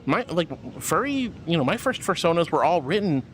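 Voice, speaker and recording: With slight noise in the background, a livestream host reads out her chat and replies lovingly, calling viewers honey and sweetie. Her voice is on the low side, sing-song and fairly quick, and she laughs and giggles a lot.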